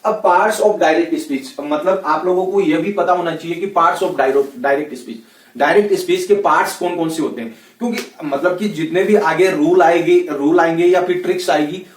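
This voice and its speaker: A man with a Rajasthani Hindi accent teaching English grammar in a casual classroom lecture, chatty and constantly checking in with "okay, right?". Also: on the high side. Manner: chatty, repeats "ठीक है, है ना" constantly. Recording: echoey room, voice a bit far from the mic.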